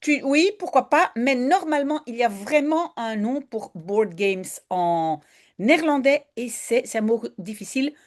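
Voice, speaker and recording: A woman teaching Dutch, patiently correcting a student's writing and explaining the grammar step by step. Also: a little high.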